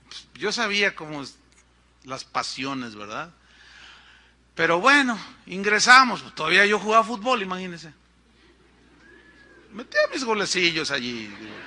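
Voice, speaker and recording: A middle-aged man with a Mexican accent preaching a sermon, telling stories in an animated way and acting out the people in them. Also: high-pitched. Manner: animated storytelling with acted-out quotes. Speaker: pastor.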